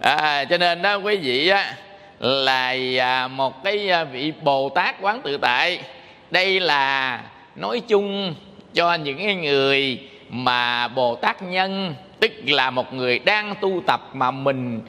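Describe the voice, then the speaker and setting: A man's voice: a little high, expressive, slow pace, pushed and bright, in a large hall. A man from Vietnam, a Buddhist monk giving a dharma talk in a conversational way, often asking his listeners questions. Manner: conversational, asks the audience questions.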